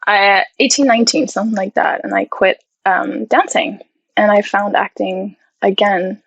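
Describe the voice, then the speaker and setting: A woman's voice: mid-range voice, fairly even intonation, normal speed, creaky, no room sound, highs cut off. A woman, a guest actress who chats in a friendly, slightly self-conscious way and sometimes searches for English words. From Iceland. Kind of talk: casual interview chat.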